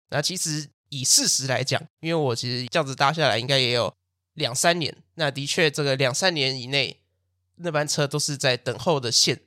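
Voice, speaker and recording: A man's voice: mid-range voice, dry recording, clean studio sound. A young man, casually telling a story as a podcast host and acting out the quotes. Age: young adult. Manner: animated, acts out quotes, laughs and swears.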